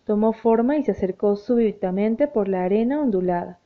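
A woman narrating an audiobook in a measured, expressive reading voice. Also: medium pitch. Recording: tinny phone-like sound.

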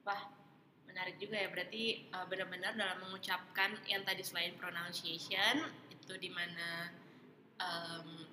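A woman's voice: fairly low pitch, level tone, moderate pace, sharp tone. A woman hosting a casual podcast chat, asking curious questions and giving short replies. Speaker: podcast host. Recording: echoey room with long reverb, audible noise.

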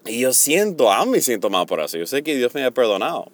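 A middle-aged man teaching on Bible words, earnest and slow, mixing a personal confession into his explanation. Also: medium pitch, very animated. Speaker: preacher.

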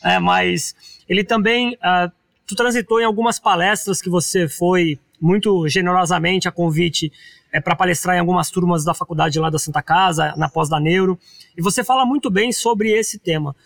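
A man's voice: sits high, moderate pace, gravelly, a bit bright, no room sound, studio quality. A man from Brazil hosting a podcast, chatty in casual conversation, often finishing his guest's sentences. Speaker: podcast host.

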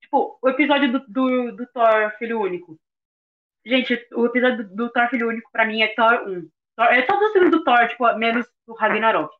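A woman's voice: a little high, expressive, brisk. Slangy Brazilian woman on a thin line. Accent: Brazilian Portuguese. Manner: slangy, playful. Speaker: podcast co-host. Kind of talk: casual podcast chat. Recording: phone-like thin sound.

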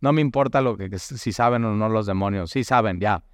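Emphatic preacher with a clear, dry voice. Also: male voice, lowish voice, fairly quick, dry recording. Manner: repetitive, emphatic, restarts words. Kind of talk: sermon.

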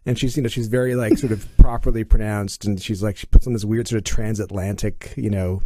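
Warm-voiced Canadian man telling stories. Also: fairly low pitch, dry recording, studio quality. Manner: animated, story-driven, quick to laugh. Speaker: podcast guest, voiceover artist. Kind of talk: casual storytelling chat.

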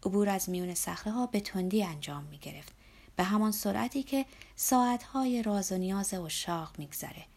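A woman narrating a literary novel in a measured, reflective manner, sometimes softening to a near whisper. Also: mid-range voice, breathy edge. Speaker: audiobook narrator.

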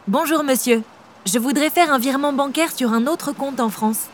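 Woman voicing a bank customer, scripted lesson dialogue, polite and formal, high voice. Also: normal speed, a little hiss or hum, close to an everyday voice.

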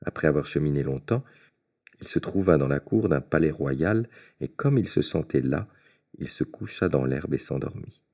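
Brief: male storyteller reading a fairy tale, very deep, mellow, measured. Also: lively intonation.

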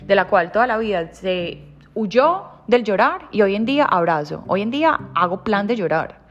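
A woman in her thirties giving a reflective motivational monologue, heartfelt and emphatic, sometimes dropping to a soft hush. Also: mid-range voice, big pitch swings, normal speed, lo-fi sound. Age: 30s. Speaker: personal growth speaker.

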